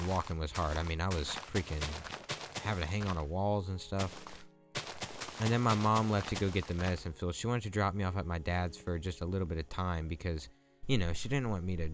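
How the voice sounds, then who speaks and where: Low-voiced young man rambling casually. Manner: rambling, chatty, relaxed. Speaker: gaming channel host. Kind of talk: casual storytelling over gameplay. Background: background music.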